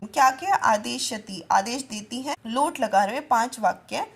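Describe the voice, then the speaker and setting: A woman's voice: a little high, a little slow, creaky, fairly bright tone, husky. Woman teacher explaining Sanskrit grammar. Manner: reads Sanskrit lines, then explains them.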